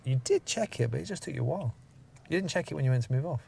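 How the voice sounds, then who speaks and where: A man talks a trainee through his driving faults, quick and with a gravelly edge. He explains each point and keeps asking leading questions. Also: medium pitch, animated, mellow. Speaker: driving instructor. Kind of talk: spoken feedback after a mock driving test.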